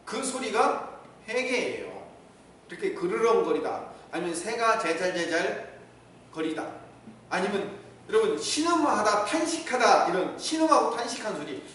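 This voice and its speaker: High-voiced pastor in an echoey church. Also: male voice, sing-song, normal speed, a bit bright, a little hiss or hum. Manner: teaching, asks the congregation questions. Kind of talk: sermon. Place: church sanctuary. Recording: echoey hall, mic from far off.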